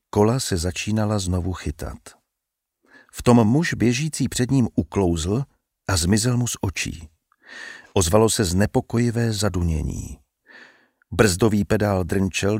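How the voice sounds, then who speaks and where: A man narrating an audiobook in a measured, dramatic storytelling manner. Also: fairly low pitch, a little mellow, no echo, studio quality.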